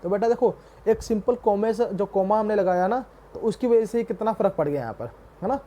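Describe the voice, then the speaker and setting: A young man teaching a commerce class, reading English definitions slowly and then explaining them in a mix of Hindi and English while calling his students "beta". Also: high-pitched, warm tone. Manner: addresses students fondly as "beta". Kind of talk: classroom lecture.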